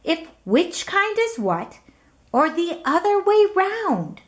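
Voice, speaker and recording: A boastful, snooty beaked storybook creature, acted out by a woman. It exclaims self-importantly in a high voice that leaps up and down in pitch. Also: big pitch swings, slow, noisy background, full character voice. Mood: dismayed.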